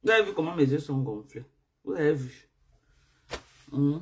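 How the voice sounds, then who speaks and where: A woman live-streaming to her viewers, sleep-deprived from jet lag, who talks in an animated, repetitive way and keeps calling out to her audience. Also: low voice, moderate pace.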